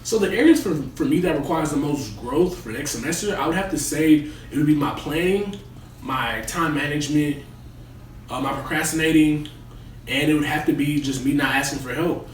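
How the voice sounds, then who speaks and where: A man's voice: a little high, normal speed, natural voice. A young man playing a resident assistant in a comedy skit interview, talking colloquially about himself. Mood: earnest. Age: young adult. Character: young male resident assistant, cocky and boastful or earnest. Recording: echoey room, distant mic, noisy.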